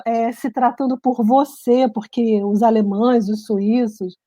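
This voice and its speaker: A Brazilian-born woman living in Switzerland telling stories in a lively, animated casual chat, laughing often. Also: on the high side, unhurried, no echo. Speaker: guest, writer and journalist. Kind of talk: casual video-call chat. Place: home in Switzerland.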